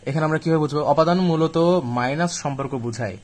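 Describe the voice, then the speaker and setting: A man's voice: a little high, rapid-fire. A young man teaching a live online grammar class to admission students, chatty and direct, though weak from illness. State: weak and ill, speaking slowly.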